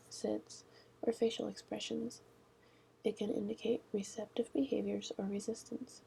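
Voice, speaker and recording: A woman reading a nursing lecture aloud at a steady pace, with fillers now and then, her voice often sinking to a near-whisper. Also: medium pitch, creaky, a little hiss or hum. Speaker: nursing instructor.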